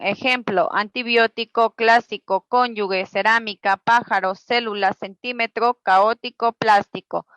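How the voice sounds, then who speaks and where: A woman's voice: a little high, fairly bright tone, no echo, rough recording. A woman student presenter reading a class presentation, going steadily through rules and long lists of example words.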